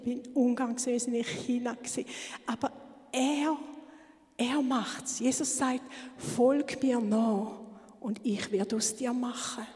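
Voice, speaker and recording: A woman speaks fervently in a church testimony, her voice sitting a little high. She sometimes drops to a hushed whisper for emphasis. Her words ring out with a long reverb through a hall.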